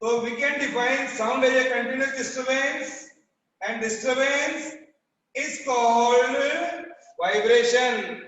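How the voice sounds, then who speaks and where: A male school teacher with an Indian accent dictating a lesson to children, slowly and repetitively, in a classroom. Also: extremely high pitch, fairly even intonation, a bit bright, dull audio. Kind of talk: classroom lesson, mixing Hindi and English. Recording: echoey classroom, far from mic.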